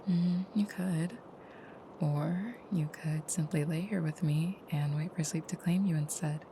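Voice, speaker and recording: A woman plays a soft-spoken vampire girlfriend in an intimate roleplay, her deep voice a breathy near-whisper at a measured pace. Her phrasing is gentle and a touch formal, her mood tender and soothing, and the rough recording carries a faint hiss or hum.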